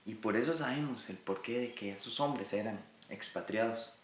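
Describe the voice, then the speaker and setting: A man's voice: on the low side, normal speed, reverberant, a little hiss or hum. A man from Rica, teaching a recorded Bible lesson in an earnest way and speaking directly to his listeners. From Costa Rica.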